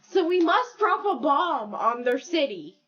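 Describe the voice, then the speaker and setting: Slow, giggly woman rambling while drawing. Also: high-pitched, big pitch swings, a bit bright, lo-fi sound. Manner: rambling, giggly, improvising a silly story aloud. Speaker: drawing video creator. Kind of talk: casual narration while drawing.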